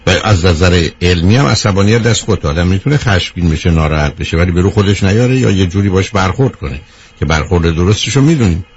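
A man's voice: low-pitched, expressive, slight background noise. A man hosting a radio call-in advice show, talking directly and lecturing his caller, calling her dear. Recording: dull radio broadcast sound.

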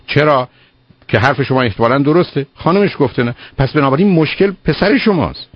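A man's voice: medium pitch, lively intonation, breathy edge, no echo. A man hosting a radio call-in advice show, earnest and lecturing, repeating words for emphasis. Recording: dull lo-fi radio broadcast.

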